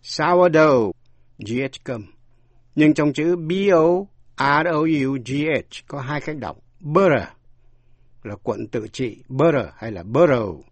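Slow, husky man teaching vocabulary. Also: fairly high pitch, no echo. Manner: spells words letter by letter, then translates. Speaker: English teacher. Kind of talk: slow spelled-out vocabulary lesson.

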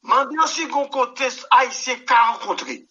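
A man's voice: extremely high pitch, normal speed, pushed and bright. A man, a musician answering interview questions in a rambling, emphatic way and often saying "mon cher". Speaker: musician guest. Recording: dull lo-fi recording.

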